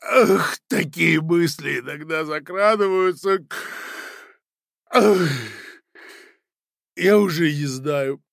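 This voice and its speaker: Storybook villain: a wailing, self-pitying theatre tyrant, gravelly and high. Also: male voice, slow pace, pauses often, a bit bright, no echo, clean studio sound, exaggerated voice. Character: self-pitying tyrant puppet-theatre master, middle-aged man. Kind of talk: audiobook character voice.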